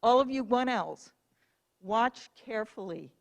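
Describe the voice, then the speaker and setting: A woman's voice: fairly high pitch, expressive, unhurried, creaky, dull audio. A woman speaking as a law school dean, giving a welcome speech at a formal event.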